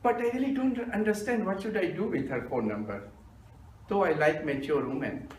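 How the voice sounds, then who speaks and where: A man, telling self-mocking jokes in a deadpan storytelling manner as a humorous club speaker. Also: sits high, a little hiss or hum. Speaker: stand-up speaker. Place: meeting room with audience. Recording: echoey room from a distance.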